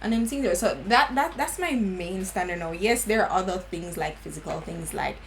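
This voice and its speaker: A woman's voice: lowish voice, animated, moderate pace, creaky, a little hiss or hum, rough recording. A woman in her twenties with a Jamaican accent, chatting earnestly and slipping into patois. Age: 20s. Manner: earnest, laughing, slips into patois. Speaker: beauty vlogger. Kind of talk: casual chat.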